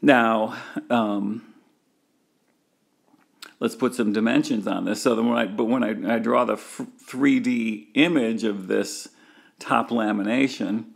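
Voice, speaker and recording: Male lecturer, unhurried delivery, gravelly husky tone, talks through diagrams with fillers. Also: fairly low pitch, steady tone. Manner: thinks aloud with many fillers and restarts, walking through a diagram. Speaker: engineering lecturer. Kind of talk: recorded university lecture.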